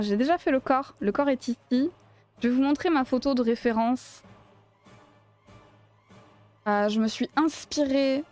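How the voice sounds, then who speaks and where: Her voice is high and a bit mellow, carrying the accent of her native south-west France. Hosting a relaxed, playful crochet stream, she frequently breaks into laughter while responding to her chat.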